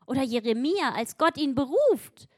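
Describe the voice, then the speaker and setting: A woman's voice: high voice, expressive, moderate pace, darkish tone. A woman preaching a sermon with emphatic delivery, acting out quotes with mounting intensity. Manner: emphatic, acts out biblical quotes with rising intensity.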